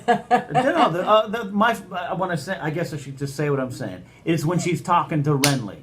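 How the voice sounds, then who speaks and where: A man co-hosting a casual chat, enthusiastic and animated. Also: on the high side, normal speed. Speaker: co-host.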